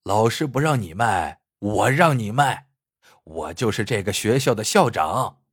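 A man's voice: on the low side, expressive, unhurried, slightly rough, dry recording, studio quality. A man voicing a jovial, kindly middle-aged male school principal who talks in a hearty, reassuring way. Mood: genial.

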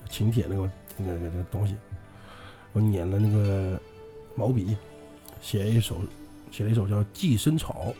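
A man's voice: on the low side, moderate pace, pauses often, mellow, faint music behind. A man co-hosting a podcast who retells a classic novel comically, in a loose, chatty way with asides. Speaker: podcast co-host, storyteller.

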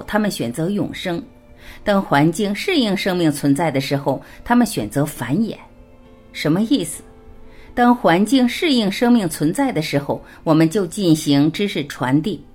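A woman's voice: medium pitch, a little mellow. A woman reading a written interview aloud, voicing both sides and announcing each speaker's label.

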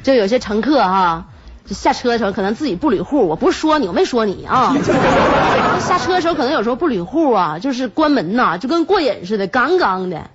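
A woman's voice: on the high side, sing-song, fast talker, some chatter behind. A young woman with a Northeastern Chinese accent hosting a comic radio chat show, chatty and laughing at her own jokes. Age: young adult. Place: radio studio. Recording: dull lo-fi radio broadcast with hiss.

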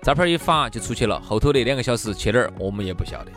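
Sichuanese man, co-host, quick-talking, lively pitch, teasing, faint music behind. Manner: teasing, joking. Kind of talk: casual comic chat show.

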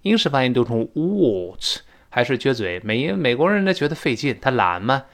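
A man teaching spoken English in Chinese, explaining pronunciation and acting out sounds and sighs. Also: medium pitch. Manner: lively, demonstrates pronunciation with drawn-out sounds. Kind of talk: spoken English lesson podcast.

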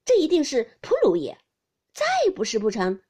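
A spirited, quick-witted teenage girl, put on by a woman narrator blurts out answers loudly and eagerly in a high, husky voice. Her pitch bounces lively with excitement.

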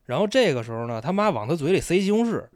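A man co-hosting a casual podcast, easygoing and quick with quips. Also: fairly high pitch, very animated, no echo, studio quality. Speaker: podcast co-host. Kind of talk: casual chat.

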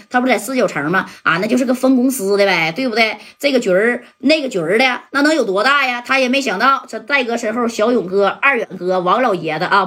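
Husky woman telling a colloquial crime story. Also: on the high side, fairly bright tone. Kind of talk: spoken crime-story narration.

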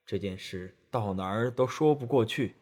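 A man voicing a gentle, preachy male Buddhist monk in a storybook tale, speaking slowly and softly. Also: lowish voice, lightly acted. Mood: reproachful. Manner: slow, soft, reproachful.

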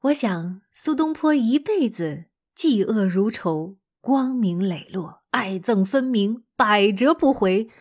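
A female teacher telling a story to children in a lively, chatty way, speaking straight to her young listeners. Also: medium pitch, slow pace, few pauses.

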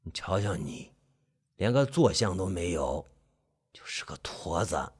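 Gruff old uncle, voiced by a man: hoarse, very deep, slow and scolding. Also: sing-song, full character voice. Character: old village uncle, gruff, stern barber.

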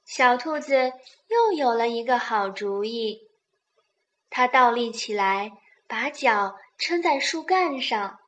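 A woman hosting a children's program, telling a bedtime story in a soft, slow, soothing way. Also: a little high, animated, highs cut off.

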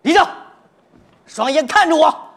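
A man's voice: extremely high pitch, lively intonation, a little slow, vocal fry, fairly bright tone, heavily acted. A man playing an eager, boastful young army cook, speaking in a with folksy, exaggerated exclamations in a stage comedy sketch. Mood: excited, scolding. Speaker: cook soldier.

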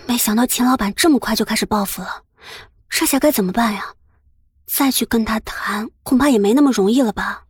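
An earnest, worried young woman, as a male narrator puts her on. The voice sits high and a little husky, and the recording is dry. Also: fairly quick, no echo. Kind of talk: audiobook character voice.

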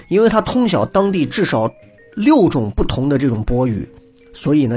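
A man telling a historical story in a lively, chatty lecture style, acting out the characters' lines and turning to the audience with asides. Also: on the high side, husky.

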